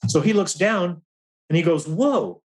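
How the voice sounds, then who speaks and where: Middle-aged guy on a podcast, higher voice, telling a work story with lots of up and down. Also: a little fast, rough recording. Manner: animated storyteller, lively pitch swings. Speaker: podcast guest, career advisor. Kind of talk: storytelling in interview.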